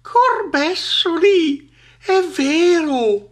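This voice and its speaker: A man voicing a silly, easily startled female snake in a storybook reading, high and drawn out. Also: very animated, extremely slow, heavily acted. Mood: astonished.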